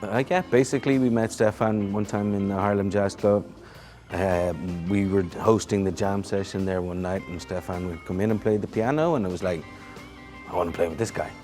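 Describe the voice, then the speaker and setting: A man from Ireland with a Dublin accent, a musician answering interview questions in a relaxed, rambling way. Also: fairly low pitch, brisk, soft background music. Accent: Irish, Dublin. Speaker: musician guest.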